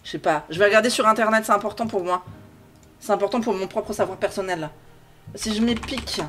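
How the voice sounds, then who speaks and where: A man's voice: high-pitched, brisk, a bit bright, soft background music. This is a man streaming a mystery game at his home computer, thinking aloud as he plays. He rambles and hesitates, fills gaps with fillers, restarts his sentences, and drifts off into jokey asides. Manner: jokey, self-talking, easily sidetracked. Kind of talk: live-stream gameplay commentary.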